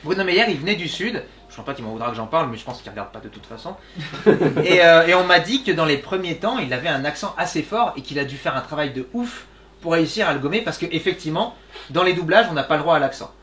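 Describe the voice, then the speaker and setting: A man in his thirties talks casually at a small workshop Q&A, his voice bright and slightly high for a man. He rambles warmly through answers, laughing often and leaning on fillers. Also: animated, fast talker, a little hiss or hum. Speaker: voice actor guest. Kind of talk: casual Q&A talk. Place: small workshop room with audience.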